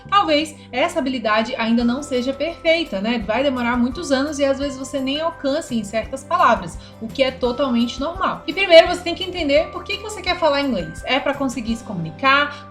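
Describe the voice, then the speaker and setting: A woman's voice: high-pitched, fairly bright tone. A woman with a Brasília accent, teaching a video lesson and talking straight to the viewer in a conversational way, often asking questions. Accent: Brasília Brazilian Portuguese. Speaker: English teacher.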